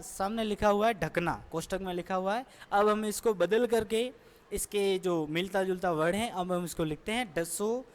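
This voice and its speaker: A woman teacher explaining a lesson patiently, step by step, repeating each answer. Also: medium pitch. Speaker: school teacher. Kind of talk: recorded classroom lesson explanation. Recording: long echoing reverb.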